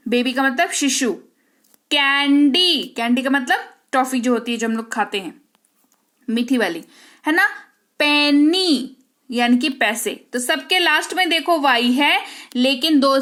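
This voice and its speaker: A woman with a high voice teaches an English spelling lesson. She speaks patiently, slowing down to repeat each example word. She keeps checking that her students follow. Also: fairly bright tone. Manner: patient, repeats words slowly and checks in with "ठीक है?".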